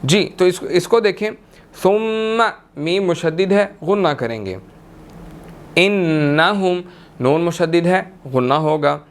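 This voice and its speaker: A man teaching tajweed, chanting verses slowly and melodically and then explaining them briskly. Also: high voice. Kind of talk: tajweed lesson with chanted recitation.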